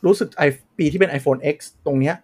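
A man's voice: fairly high pitch, brisk, slightly rough. A man co-hosting a casual tech podcast, explaining at length with many fillers. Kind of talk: casual chat.

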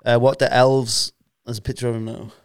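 A man's voice: medium pitch, flat delivery, fairly quick, a crowd in the background. A man, chatting and bantering casually as a podcast co-host. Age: 40s.

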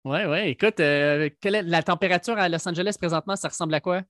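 A man's voice: sits high, fast talker, fairly bright tone, no echo, studio quality. A man with a Québécois French accent hosting a casual podcast interview, talking with frequent hesitations. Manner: hesitant, many fillers. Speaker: podcast host.

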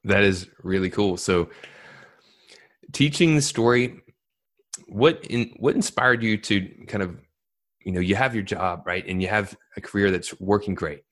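A podcast host reads a scripted intro, then chats loosely and jokes with his guest in an interview. His voice is lowish and a bit bright, unhurried, with frequent pauses.

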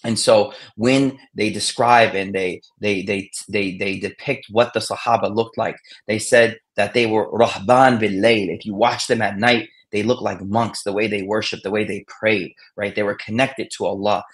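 Low-voiced man giving sermon-like reflections. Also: fairly even intonation, moderate pace, hardly any pauses. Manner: hesitant restarts, recites Arabic verses. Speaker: speaker on a panel.

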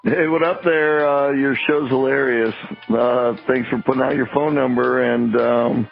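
Gravelly guy leaving a laid-back voicemail, muffled landline phone sound. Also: mid-range voice, steady tone, faint music behind. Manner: casual, friendly and unhurried. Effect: voicemail played back over a landline phone. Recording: dull lo-fi phone voicemail, distant.

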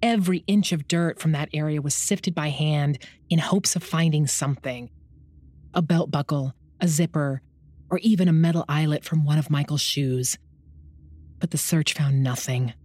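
A woman narrating a true-crime documentary in a measured, scripted delivery. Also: sits low, a little mellow, dry recording. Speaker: podcast narrator.

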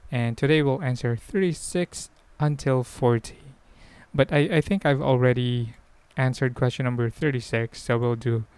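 This Filipino podcast host, a man from the Philippines, speaks at a medium pitch with a smooth voice. Alone on his casual show, he answers questions hesitantly and rambles as he thinks aloud. There's no room sound.

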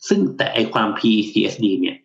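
A man on a podcast explaining in a relaxed, blunt, slangy way. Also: quick pace, dull audio. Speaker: podcast co-host. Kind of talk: casual chat.

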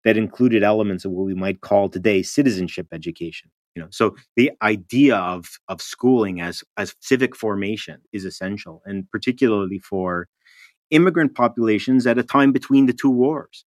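A man giving measured, scholarly explanation in a documentary interview. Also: lowish voice, no echo. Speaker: academic commentator.

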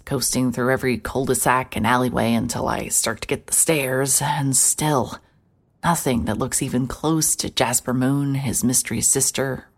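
A woman with a low, rumbling voice plays a wry, hard-hearted private investigator. She narrates a noir audio drama in a dry, deliberate manner.

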